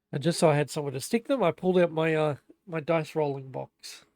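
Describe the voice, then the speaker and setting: In a dry recording, a young livestreamer chats while putting together a Lego set, his high-leaning voice a little fast and a little mellow. He pokes fun at himself and stumbles over reading the manual out loud.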